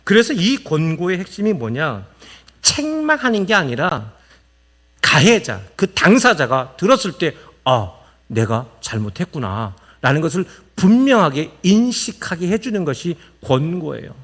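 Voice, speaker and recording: A man's voice: high voice, normal speed. A man preaching a sermon as pastor, earnest and urging, often acting out the voices of church members. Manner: animated, acts out quoted voices of church members; earnest, explaining and urging the congregation.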